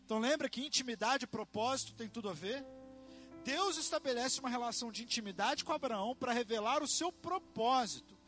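A man's voice: very high-pitched, fairly quick, a bit bright, soft background music. A man preaching a sermon, emphatic and rhythmic, repeating phrases and calling out amen to the congregation.

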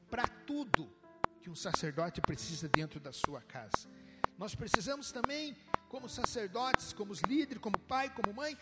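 A middle-aged man delivers a sermon from a church pulpit. His voice sits fairly high and swings widely up and down with animated emphasis. Loud instrumental music plays underneath throughout. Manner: animated preaching, swooping from low to high. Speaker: pastor.

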